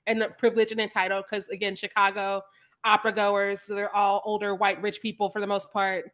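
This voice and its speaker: A woman from Kansas City on a podcast, telling stories in a casual, animated way and laughing often. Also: medium pitch, fairly quick, lo-fi sound. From Kansas City, Missouri, US. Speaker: podcast guest, playwright.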